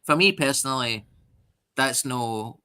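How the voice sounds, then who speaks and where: A Scottish man in his thirties, a comedian chatting in a casual interview, animated and sweary, acting out other people's voices as he tells stories. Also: medium pitch, a little slow, clean tone. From Scotland. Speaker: stand-up comedian guest.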